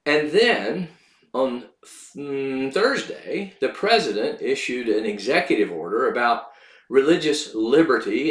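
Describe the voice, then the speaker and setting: A man hosting a podcast, giving measured spoken commentary on law and religion; his voice sounds tinny and hollow, as if he is talking inside a tin can. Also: mid-range voice, roomy sound. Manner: measured, lecturing delivery with occasional filler words. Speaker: podcast host. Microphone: makeshift sound system instead of his usual microphone.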